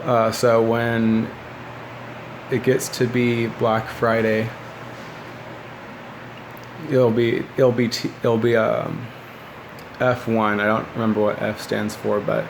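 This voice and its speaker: A man's voice: on the low side, creaky, noisy background. A man in his twenties telling stories casually in a laid-back, rambling way, recorded on a phone indoors. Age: 20s. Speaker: former military recruit recounting boot camp. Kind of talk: casual rambling storytelling to camera. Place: small living room indoors, seated by a window. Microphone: phone at arm's length.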